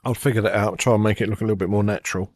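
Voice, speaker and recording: Low-voiced man musing over gameplay. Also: rapid-fire. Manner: relaxed, thinking aloud with many fillers. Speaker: gaming channel host. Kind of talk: casual gameplay commentary.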